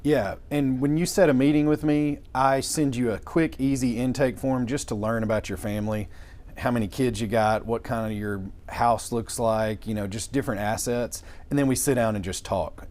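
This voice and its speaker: A man's voice: medium pitch, moderate pace, a little mellow. A young man, explaining things as a lawyer in an interview with folksy, informal phrasing. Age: young adult. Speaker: estate planning lawyer. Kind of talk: interview answers in plain explanatory talk.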